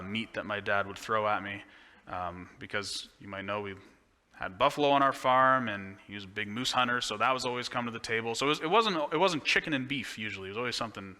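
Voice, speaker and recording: A man's voice: mid-range voice, pushed and bright. Chatty young man preaching in a church. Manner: casual and chatty, with many fillers and restarts. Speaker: pastor. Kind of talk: church sermon. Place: church sanctuary. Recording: echoey church hall.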